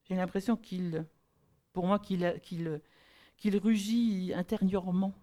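A woman preaching a sermon and reading Bible verses, earnest, with halting restarts as she thinks aloud and emphatic rhetorical questions. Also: fairly low pitch, fairly even intonation, mellow.

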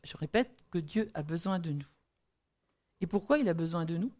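A woman preaching a sermon and reading Bible verses, earnest, with halting restarts as she thinks aloud and emphatic rhetorical questions. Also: lowish voice, expressive, dark tone.

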